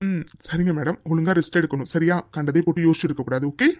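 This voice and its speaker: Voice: mid-range voice, fast, dry recording, clean studio sound, natural voice. A performer voicing a caring young husband in a cartoon story, affectionate and teasing.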